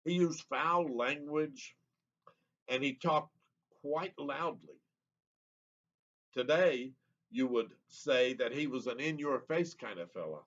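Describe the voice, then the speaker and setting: A man in his seventies reading his own childhood memoir aloud in an unhurried, reminiscing, plain-spoken way. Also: mid-range voice, fairly bright tone. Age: 70s. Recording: slightly muffled lo-fi recording.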